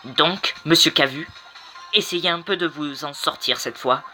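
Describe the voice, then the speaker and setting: Game read-along: a man doing a stammering young lawyer, bright voice. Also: fairly high pitch, unhurried, faint music behind. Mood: earnest. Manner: stammering, hesitant. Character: young male defense lawyer, earnest. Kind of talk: amateur game voice-over.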